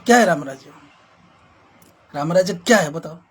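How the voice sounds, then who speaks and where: Husky, emphatic man. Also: a little high, lively intonation, moderate pace. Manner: emphatic, repetitive, rhetorical questions. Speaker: social reformer speaker. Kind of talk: impassioned spoken commentary.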